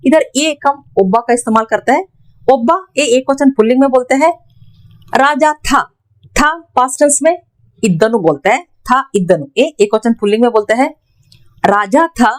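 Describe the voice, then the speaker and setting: A woman teaching a language lesson, slowly repeating each example phrase for her learners. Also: on the high side.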